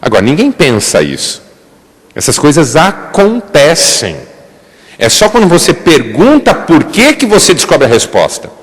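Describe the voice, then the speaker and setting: A man's voice: a little high, measured pace, slightly rough. A man with a Brazilian Portuguese accent preaching a sermon as pastor, telling stories with emphatic rises. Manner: lively storytelling, emphatic rises. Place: church. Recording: echoey church hall.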